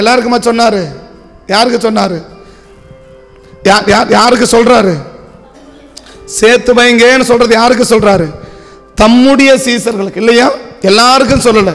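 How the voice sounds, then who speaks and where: High-voiced man preaching in a hall. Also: a bit bright. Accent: Tamil. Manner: repetitive rhetorical questioning. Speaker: pastor. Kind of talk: sermon.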